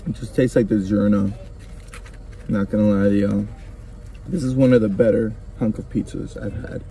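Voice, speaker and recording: A man's voice: on the low side, fairly even intonation, moderate pace, vocal fry, dark tone, recorded from a distance, a little hiss or hum. A man talking casually to viewers with his mouth full of pizza while reviewing it. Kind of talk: casual food review vlog.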